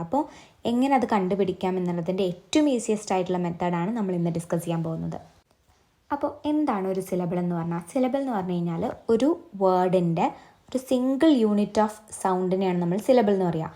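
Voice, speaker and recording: Malayali woman teaching a lesson, explains slowly step by step, keeps asking you to try it. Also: lowish voice, dark tone. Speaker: English teacher. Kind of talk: exam-prep lesson.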